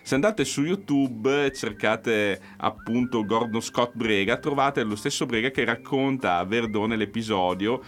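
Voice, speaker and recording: A man narrating cinema anecdotes in a lively, storytelling manner. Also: on the low side. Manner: lively anecdotal, acts out quotes.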